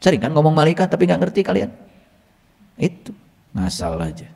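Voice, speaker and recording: A man's voice: a little high, very animated, a little fast, gravelly, a little mellow, long reverb tail. A man with a Sundanese accent preaching a sermon, often quizzing his listeners and slipping into Sundanese asides. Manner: asks the audience questions often, teasing.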